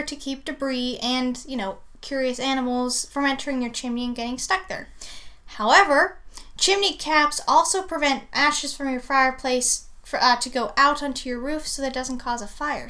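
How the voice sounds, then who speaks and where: She speaks in a high, sharp voice at a normal pace as a co-host on a laid-back program mixing casual chat with mock news reading. She laughs readily and leans heavily on fillers like "um" and "uh."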